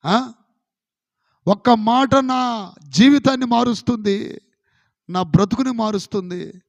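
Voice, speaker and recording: A man with a Telugu accent preaching a sermon, repeating his phrases, swelling to shouts and then dropping low. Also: slow, creaky. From India. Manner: impassioned, repetitive preaching with rising shouts and sudden drops. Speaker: pastor. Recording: dull lo-fi recording in a long-reverb hall.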